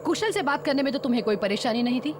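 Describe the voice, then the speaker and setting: A middle-aged widowed mother, harsh and accusing, her high voice swinging widely with anger. She confronts her daughter in a TV horror drama, heard from slightly off the mic with noise behind her. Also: animated, racing. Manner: confrontational, scolding. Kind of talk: Hindi TV horror drama acting.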